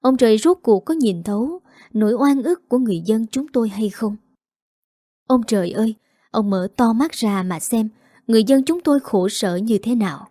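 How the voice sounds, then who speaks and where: A woman's voice: fairly high pitch, normal speed, mellow, no room sound, clean studio sound, lightly acted. A woman reading the lines of a poor widow crying out against injustice, bitter and despairing.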